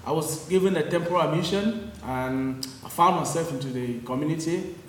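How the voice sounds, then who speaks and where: A man speaks at a public meeting, telling his own story plainly and earnestly and correcting himself as he goes. His voice sits slightly high. He is heard from a distance in a large hall with a lingering echo. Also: a little fast, a little hiss or hum. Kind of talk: personal testimony. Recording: echoey hall from far off.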